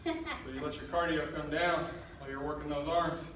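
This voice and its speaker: A man's voice: on the high side, moderate pace, a bit bright. Male aerobics instructor in a very echoey room. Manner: motivating, short commands and countdowns. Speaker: fitness coach. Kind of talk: aerobics instructor calling out a workout. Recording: very echoey room, distant mic, faint noise.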